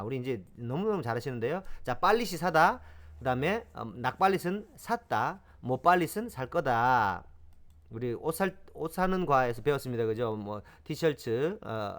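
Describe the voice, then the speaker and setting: Speaking at medium pitch with a fairly bright tone, a man runs a spirited self-made language class. He has listeners drill phrases, explains words, and fills his talk with repetition and filler words.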